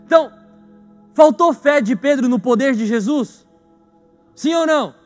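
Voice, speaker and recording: A young adult man with a Brazilian Portuguese accent, preaching a lively sermon in church and often putting questions to the congregation. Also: extremely high pitch, unhurried, faint music behind. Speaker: pastor. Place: church hall.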